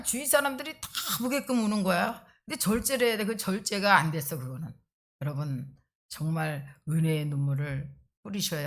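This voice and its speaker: A middle-aged woman pastor preaching a sermon in an emphatic, conversational way, tossing in quick rhetorical asides to the congregation. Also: on the low side.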